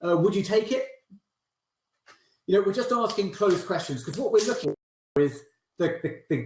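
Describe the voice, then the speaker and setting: A man with a fairly high voice coaches recruiters with lively, emphatic energy. His voice rings around an echoey room, giving it a roomy sound. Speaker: sales trainer for recruiters. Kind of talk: talking-head training video.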